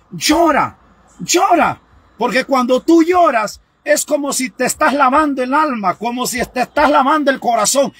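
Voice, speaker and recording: Man, high voice, husky, fervent testimony preaching. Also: bright, forceful tone. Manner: fervent, repeats "hermano", cries out at times. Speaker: evangelist preacher. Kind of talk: emotional testimony sermon.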